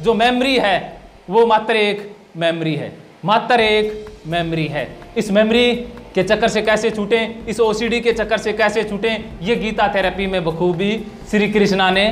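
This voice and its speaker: A man with a notably high voice talks through a subject as a counsellor would, hammering home each point by repeating it. His delivery is emphatic and instructive. Soft music plays faintly behind him. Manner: repetitive, emphatic teaching delivery. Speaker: psychological counsellor. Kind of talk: explanatory talk to camera.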